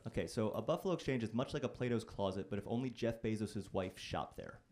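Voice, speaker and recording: A man's voice: on the low side, quick pace, noisy background. Wry man doing stand-up. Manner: conversational, self-deprecating storytelling with a wry edge. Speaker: stand-up comedian. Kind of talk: stand-up comedy set. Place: comedy club stage.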